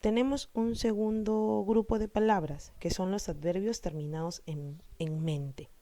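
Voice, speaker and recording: A woman teaches a grammar lesson in a warm, mellow voice of middle pitch. She speaks slowly and deliberately, asking her pupils questions and then answering them herself. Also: fairly even intonation. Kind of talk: explaining a Spanish grammar lesson to students.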